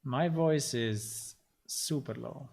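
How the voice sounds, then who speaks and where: A game developer chats casually on a live stream, thinking aloud as he stops, restarts, and leans on lots of fillers. He speaks slowly and unhurriedly at a middle pitch, with a creaky, darkish tone.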